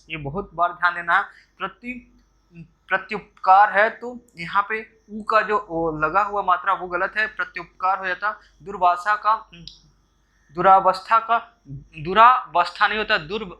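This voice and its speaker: A man's voice: sits high, pushed and bright. A man teaching correct Hindi spelling for exam preparation, going through words one at a time with frequent fillers and restarts. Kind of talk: exam-prep spelling lesson.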